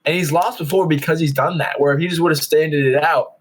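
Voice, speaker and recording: A young man on a podcast, telling gaming stories in a lively way and acting out what his friends said. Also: on the high side, fairly quick, poor audio. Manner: animated storytelling, acting out quotes. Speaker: podcast co-host. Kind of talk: casual chat.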